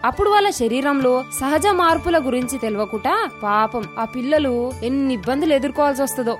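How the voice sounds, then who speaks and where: A caring middle-aged village aunt , voiced by a woman, speaking in a Telangana accent in a radio drama. She questions gently and explains patiently in a high, motherly voice, over faint background music. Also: animated, fast. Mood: explaining. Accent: Telangana Telugu. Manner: warm, coaxing, motherly questioning.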